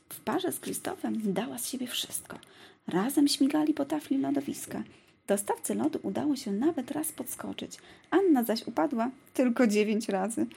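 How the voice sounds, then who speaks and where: A woman narrating a children's storybook aloud in a gentle, lively read-aloud manner. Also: fairly high pitch, vocal fry, a little hiss or hum.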